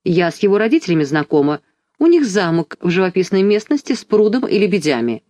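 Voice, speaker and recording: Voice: mid-range voice, very animated, fast talker, a little mellow, no room sound, close to an everyday voice. A reader voicing an argumentative stepmother queen in a storybook, in a dry recording. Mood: insistent. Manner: argumentative, gossipy.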